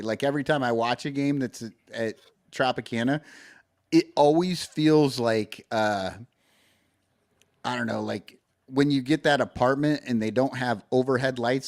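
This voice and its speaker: Wry rambling man in casual chat. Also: medium pitch. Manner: rambling, wry, halting restarts. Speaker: podcast co-host. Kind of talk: casual chat about baseball.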